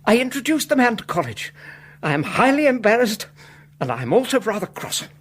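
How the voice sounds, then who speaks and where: A man's voice: sits high, very animated, brisk, fairly bright tone, reverberant, distant mic. A man playing a fussy, indignant college don in a radio drama, talking in a pompous way.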